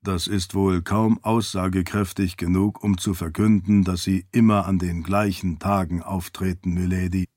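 Guy putting on a low wry spirit servant, super polite, storybook audio. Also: flat delivery, moderate pace, few pauses, darkish tone, no room sound, studio quality. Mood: dry, deferential. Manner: polite, wry, formal address. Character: dry-witted male spirit servant, a floating light.

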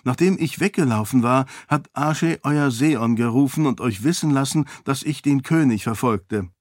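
A man's voice: mid-range voice, a little mellow, no room sound, pitched above the performer's own voice, natural voice. A headstrong young princess, played by a male narrator, her voice lifted well above his own and clipped with impatience. The storybook reading is close and dry. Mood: demanding. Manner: quick, pointed questioning.

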